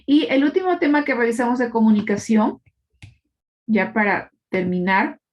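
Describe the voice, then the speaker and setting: Speaking at normal speed in a voice on the high side, a woman teacher explains patiently during a live online class. She often checks in with her students, using tag questions.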